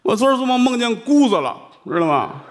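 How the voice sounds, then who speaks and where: A man's voice: extremely high pitch, sing-song, brisk, a little hiss or hum, pitched above the performer's own voice. A man voicing a whining, foolish male vegetable peddler in a storytelling comedy routine. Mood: whiny. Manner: whining, complaining.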